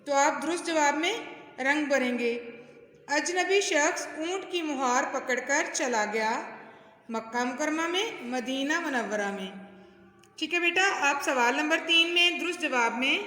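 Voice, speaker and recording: High bright woman teacher, echoey room. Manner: patient, explains step by step, addresses pupils as "beta". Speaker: primary school Urdu teacher. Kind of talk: recorded homework lesson for children. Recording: strong echo, long hall reverb.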